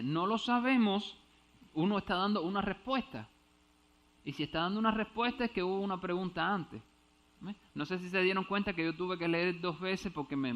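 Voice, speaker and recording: A man's voice: high-pitched, a bit bright. A male preacher teaching a Bible passage in a church, explaining step by step, checking whether he is understood and stumbling over Greek words.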